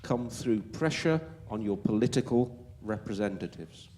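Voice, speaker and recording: A man's voice: on the low side, expressive, normal speed, very noisy. Emphatic man with Wolverhampton accent. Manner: emphatic, repeats words, many uh fillers. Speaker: panel speaker. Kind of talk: public panel Q&A answer.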